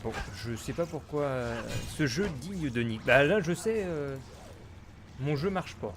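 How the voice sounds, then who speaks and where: A man's voice: a little high, expressive, measured pace, a little hiss or hum. A man giving casual let's-play commentary, muttering to himself and grumbling in puzzlement as he plays. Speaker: gamer streamer.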